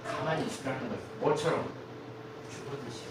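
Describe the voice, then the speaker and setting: A pastor preaching a sermon, constantly quizzing the congregation with rhetorical questions and swinging from loud emphatic peaks to hushed low lines. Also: brisk. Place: church sanctuary. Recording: very echoey hall, mic far off, steady ambient noise.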